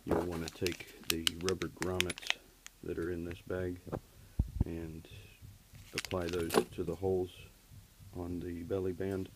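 An HVAC technician explains a furnace repair as he works, in a low, unhurried, monotone voice with little rise and fall. His hands-on tutorial is practical and matter-of-fact, full of small fillers, and the camera he holds in the basement furnace area and workshop picks up a clear layer of noise behind him.

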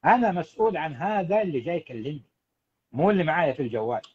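Animated man coaching parents. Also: on the high side, very fast, slightly rough, highs cut off. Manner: animated, preachy, emphatic, addresses listeners directly. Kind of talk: live-stream parenting talk.

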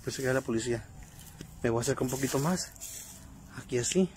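A man with a Mexican accent hosting a ghost-hunting vlog in a cemetery at night, nervously calling out questions to a spirit and speaking to his viewers in a hushed voice. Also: medium pitch, fast, a little hiss or hum. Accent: Mexican Spanish. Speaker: paranormal vlogger.

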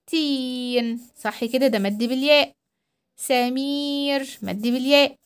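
A woman with an Egyptian accent teaching young children to read, drawing out syllables slowly and clearly. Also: high-pitched. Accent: Egyptian Arabic. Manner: drawn-out syllables for young learners. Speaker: primary school teacher. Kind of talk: children's reading lesson. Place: voice-over recorded at home.

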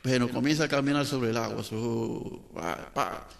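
A man with a Dominican accent telling jokes in a lively comic storytelling manner, adding sound effects. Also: mid-range voice, normal speed, gravelly. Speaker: joke teller.

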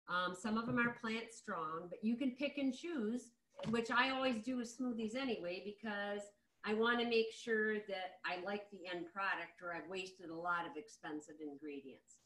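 A middle-aged woman presents an informal cooking demonstration from her home kitchen over a video call, explaining things conversationally. Her mid-range voice sounds pushed and bright, and with the device across the counter the recording has a roomy, echoey video-call quality.

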